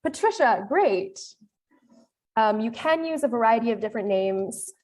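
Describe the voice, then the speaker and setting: A woman's voice: fairly high pitch, lively intonation, moderate pace, a little mellow. A woman with an American accent giving a casual, explanatory live demo presentation on a panel, talking with frequent fillers.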